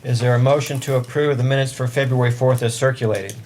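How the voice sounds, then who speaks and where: A man's voice: medium pitch, fairly even intonation, quick pace, darkish tone. Man chairing a meeting, speaking up, noisy room. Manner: speaking up to carry across the room. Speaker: select board chair running a meeting. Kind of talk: formal meeting procedure.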